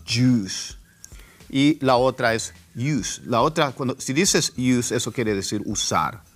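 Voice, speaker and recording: A man whose first language is Spanish, teaching English pronunciation and repeating word pairs slowly to contrast them, with faint music underneath. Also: medium pitch. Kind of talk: casual pronunciation lesson.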